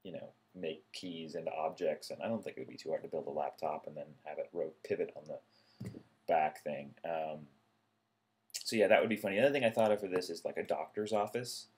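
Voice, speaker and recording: A man's voice: extremely low pitch, fairly even intonation, brisk. A man giving casual spoken feedback on a friend's ideas, rambling and hesitant with many fillers, briefly acting out short bits. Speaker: peer reviewer giving feedback.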